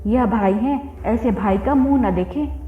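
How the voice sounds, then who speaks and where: Combative village wife, read by a woman, shrill scolding, tinny phone-like sound, roomy echo. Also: measured pace, natural voice. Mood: angry scolding. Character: fierce quarrelsome village wife, middle-aged. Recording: phone-like roomy audio with faint music.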